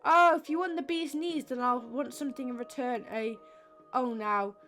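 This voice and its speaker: A woman's voice: sits high, normal speed, a bit bright, faint music behind. A woman voicing a chummy game character, a diner man who speaks in rhyming slang. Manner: swaps words for rhyming slang.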